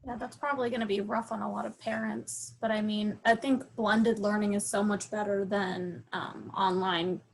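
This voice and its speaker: A woman runs a casual video call and keeps it moving briskly. A faint noise sits behind her voice. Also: medium pitch, flat delivery, gravelly, low-quality recording. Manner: brisk, moderating. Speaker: meeting host.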